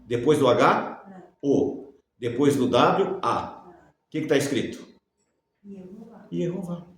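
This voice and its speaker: A man gives a Bible lesson, his pitch swinging up and down with a lively, animated lilt. He poses rhetorical questions, answers them himself, and dictates letters for his viewers to write down. The recording carries a strong room echo that rings around every phrase. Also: takes it slowly. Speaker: Bible teacher. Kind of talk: religious teaching lecture. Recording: very echoey room.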